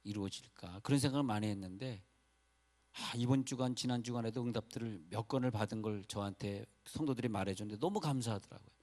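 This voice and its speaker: A man's voice: medium pitch, fast, a little mellow. Male pastor, chatty sermon, rambling asides, from North Korea, casual preaching tone.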